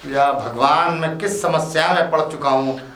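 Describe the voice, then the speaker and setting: An actor playing a stubborn old grandfather who is the head of a mansion, talking slowly and pleadingly. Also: on the high side, a bit bright, natural voice. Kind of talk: low-budget Hindi drama acting. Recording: echoey room.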